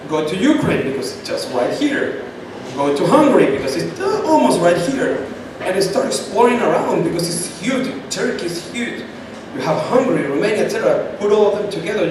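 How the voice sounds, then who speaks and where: A man with a Chilean Spanish accent, speaking as a guest at a startup event, answering questions emphatically and repeating points for stress. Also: sits high. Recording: echoey far-off room with noise.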